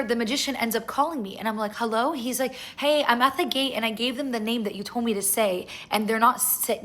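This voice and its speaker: A young woman casually telling a story to her viewers, chatty and animated, with lots of "like". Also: a little high. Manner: chatty, animated, fast-paced retelling with lots of "like". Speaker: vlogger.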